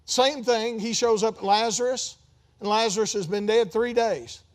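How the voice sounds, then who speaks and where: A pastor preaching a sermon in a conversational way, with sudden emphatic bursts and joking asides. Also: male voice, high-pitched, normal speed.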